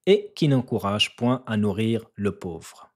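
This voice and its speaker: A man teaching a recitation lesson, who patiently repeats syllables and chants verses louder for learners to echo. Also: fairly low pitch, expressive, measured pace. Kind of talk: slow tajwid lesson with recitation.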